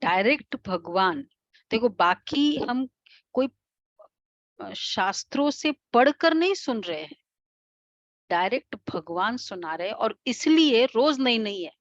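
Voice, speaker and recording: A woman with an Indian accent, a spiritual teacher giving a devotional class lecture, explaining and asking the class questions with soft hums. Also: fairly high pitch, lively intonation, slow pace, pauses often, no echo, dull audio.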